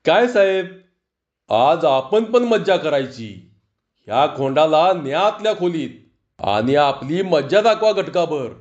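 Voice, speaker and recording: A man voicing a gruff, bullying middle-aged police officer who scolds in rough rustic speech, in a storytelling reading. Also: on the high side, very animated, unhurried. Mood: mocking. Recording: dull lo-fi recording.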